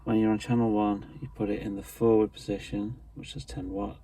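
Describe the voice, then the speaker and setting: Trying out radio equipment on camera, this man explains things in a loose, tentative, self-deprecating ramble with no script. His voice is on the low side, dark and slightly rough, with little pitch movement and a slightly fast pace.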